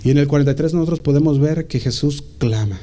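A man's voice: on the high side, fast, dark tone. A man preaching a sermon, reading scripture with rising emphasis and talking casually with restarts between verses.

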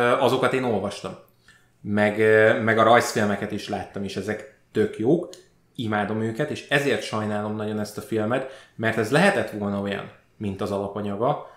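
A man co-hosting a podcast, chatting casually about films and often pausing on filler sounds. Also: on the low side, fairly bright tone. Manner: hesitant, many filler sounds. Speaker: podcast co-host. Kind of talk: casual film chat. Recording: roomy echo.

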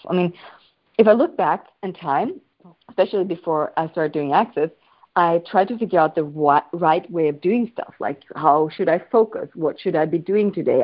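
Over dull-sounding audio, a woman with a lowish voice chats as a guest in a relaxed interview. She's Swedish and joins by video call from home, where her dog is with her, talking with playful, free-flowing enthusiasm.

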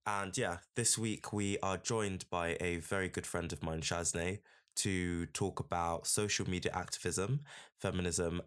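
Low-voiced man hosting a podcast. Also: fairly bright tone. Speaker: podcast host. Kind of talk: conversational podcast presenting.

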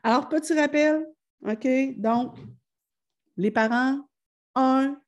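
A woman with a Quebec French accent giving calm, explanatory advice to parents, often pausing with fillers and restarting her phrases. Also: sits high, highs cut off.

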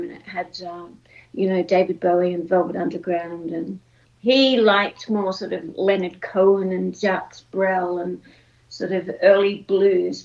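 A woman's voice: mid-range voice, gravelly, a little mellow, dull audio. An Australian woman, a podcast guest, reflecting casually on her past with frequent fillers. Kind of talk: casual interview.

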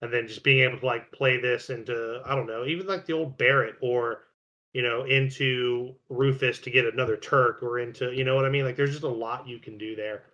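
A man co-hosting a casual card game podcast, relaxed and rambling, with lots of fillers and restarts. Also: medium pitch, fairly quick, dull audio. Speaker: podcast co-host.

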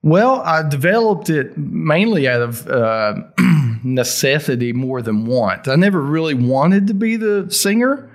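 Lively intonation lifts this man's fairly high voice, though his pace runs a little slow. He's a middle-aged heavy metal singer being interviewed, spinning folksy, casual stories in a heavy Southern US accent.

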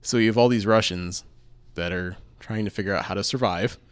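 A man's voice: on the low side, a little fast, clean tone, dry recording. A man co-hosting a casual podcast, reviewing films and chatting, laughing easily. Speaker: podcast co-host, film reviewer. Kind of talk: casual film review chat.

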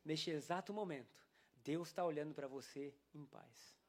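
A man's voice: a little high, normal speed. A male pastor with a Brazilian Portuguese accent delivering a sermon in church, telling a story and acting out the dialogue. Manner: animated storytelling, acts out quoted dialogue.

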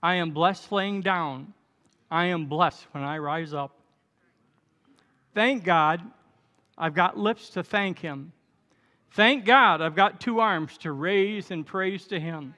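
In a large church hall, with reverb and background music, a man of seventy leads a sermon and altar call in a high-pitched voice, speaking slowly and leaving long pauses. As pastor, he urges the congregation on with repetitive declarations of thanks and praise that erupt into shouts.

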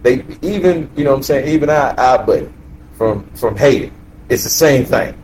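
A man in a casual podcast conversation who talks at an even middle pitch and in a measured way. He agrees often with short interjections, and a faint ambient noise sits behind his voice. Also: low-quality recording. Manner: measured, agreeable, lots of "yeah" and "right". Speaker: podcast co-host. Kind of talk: casual group chat.

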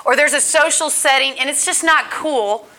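A woman gives a conversational Bible lesson. Her voice sits high and bright. She talks earnestly and animatedly, and she slips into the people she quotes. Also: normal speed. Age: 40s. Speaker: women's Bible study teacher.

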